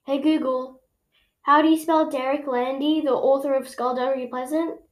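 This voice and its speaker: High-pitched woman rambling on her home podcast, keeps restarting her sentences. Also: fairly even intonation, moderate pace. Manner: rambling, chatty, with frequent self-corrections. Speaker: podcast host. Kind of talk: casual solo podcast chat. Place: home room.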